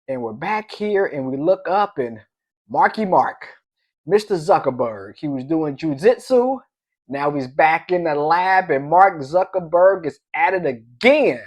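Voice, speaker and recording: A young man casually riffing on tech investing news in his own channel, playful and slangy with little sound effects thrown in. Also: fairly high pitch. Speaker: finance vlogger. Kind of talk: casual energetic commentary.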